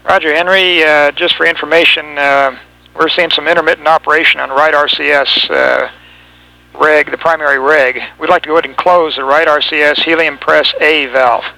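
A man speaking as a mission control communicator in measured, terse astronaut radio calls over a radio link. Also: a little high, steady tone, creaky, sharp tone. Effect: radio transmission. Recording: noisy space-to-ground radio link.

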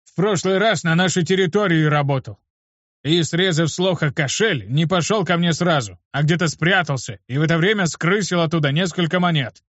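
A man's voice: fairly high pitch, a little fast, no room sound, dull audio, voice pushed up. A man voicing an angry young male street thug who talks rudely and hotly, in an audiobook reading. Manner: shouting angrily, rude.

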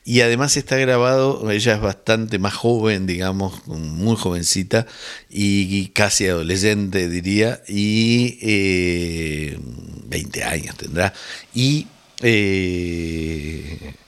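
A man's voice: deep voice, slow pace, clean tone. A man hosting a radio music show, chatting casually and thinking aloud with many fillers. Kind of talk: casual radio chat presenting songs.

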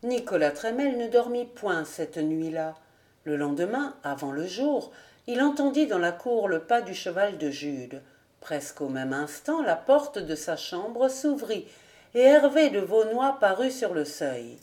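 A woman narrating a classic novel as an audiobook reader, measured and deliberate. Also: medium pitch, big pitch swings, a little mellow. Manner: slow, measured reading. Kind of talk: scripted narration.

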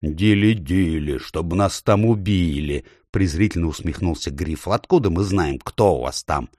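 A man's voice: low voice, normal speed, darkish tone, husky, dry recording, studio quality. A man doing a jeering dwarf chief. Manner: mocking, jeering. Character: scornful male dwarf chief, gruff and jeering.

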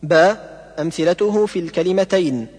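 Male teacher, reading recitation rules in a measured, point-by-point way, high voice, long reverb. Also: a little mellow. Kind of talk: read-aloud lesson on recitation rules.

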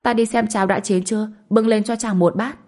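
A woman's voice: mid-range voice, fairly even intonation, fairly quick, darkish tone, pitched above the performer's own voice, natural voice. A woman voicing a playful, teasing young wife in an audiobook. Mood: coy. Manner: teasing, mischievous. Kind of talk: audiobook character voice.

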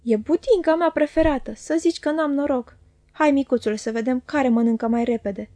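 A woman's voice: high-pitched, dark tone, no echo, natural voice. Woman voicing a jovial, greedy male inn waiter. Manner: chatty, coaxing, exclaiming.

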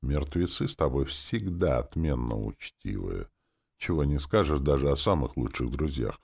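A man's voice: very deep voice, lively intonation, normal speed, creaky, darkish tone, slightly rough. A man narrating a story in the first person in a wry, sardonic way. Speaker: audiobook narrator.

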